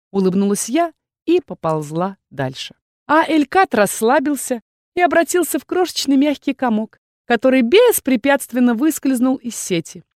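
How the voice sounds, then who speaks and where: A woman narrating a first-person fantasy story as an audiobook, lively and expressive. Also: fairly high pitch, no echo, studio quality.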